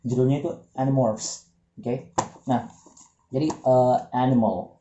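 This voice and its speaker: A man's voice: medium pitch, fairly even intonation, measured pace, dark tone, reverberant, muffled recording, a little hiss or hum. A man teaching English pronunciation in a casual, joking lesson, drilling words for a partner to repeat.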